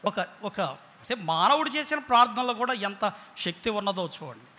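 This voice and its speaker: A pastor, preaching an impassioned sermon and firing rhetorical questions at the congregation. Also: male voice, high voice, lively intonation, moderate pace, bright, forceful tone. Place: church hall. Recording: long church-hall reverb.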